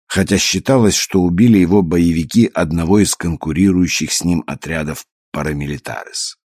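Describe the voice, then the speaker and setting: A man narrating an audiobook in a calm, measured storytelling manner. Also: low voice, no echo, clean studio sound. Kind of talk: scripted narration.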